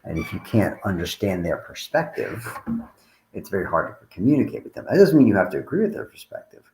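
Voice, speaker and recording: A man's voice: sits low, sing-song, brisk, darkish tone, roomy sound, a little hiss or hum, poor audio. A tired man talking casually to livestream viewers as a coach, rambling and restarting his sentences. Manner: rambling, conversational, frequent restarts. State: tired, yawning.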